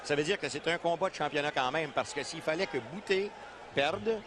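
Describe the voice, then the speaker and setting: A man's voice: on the high side, lively intonation, fairly quick. A man with a Quebec French accent giving conversational live boxing commentary. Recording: very noisy arena, loud crowd.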